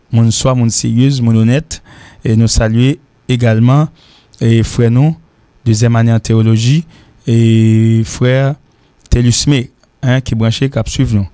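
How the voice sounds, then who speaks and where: A man's voice: medium pitch, mellow, dry recording. Man teaching English drills. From Haiti. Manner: repeats words slowly for drills, mixes languages. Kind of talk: radio English lesson.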